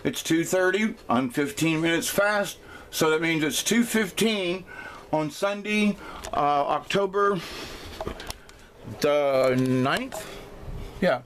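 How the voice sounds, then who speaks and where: A man's voice: a little high, fairly bright tone. A man explaining casually to a camera at home, hesitant and repetitive, his speech a little slurred from a swollen mouth. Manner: hesitant, halting, often repeating himself. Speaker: amateur video blogger. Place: indoors at home by a window. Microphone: handheld camera microphone. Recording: noisy handheld camera recording.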